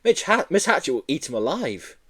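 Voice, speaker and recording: Brief: man putting on a gleeful high-voiced schoolgirl. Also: very animated, fairly quick, fairly bright tone, slightly rough, dry recording, full character voice. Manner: gloating.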